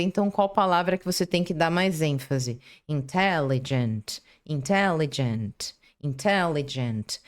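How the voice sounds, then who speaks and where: Animated woman teaching an online lesson. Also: on the low side. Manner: lively, tag questions and frequent self-restarts. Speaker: English teacher.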